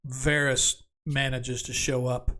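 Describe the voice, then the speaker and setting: A man narrating a tabletop fantasy game as game master, improvising descriptions in a halting way. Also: medium pitch, level tone, sharp tone.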